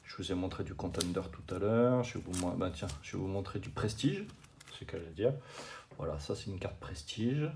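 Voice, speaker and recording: A man's voice: sits low, lively intonation, fairly quick, creaky, darkish tone, a little hiss or hum. A man hosting a video, casually explaining collecting terms while showing cards, with lots of fillers and restarts. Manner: chatty, many fillers and restarts. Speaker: card collecting channel host.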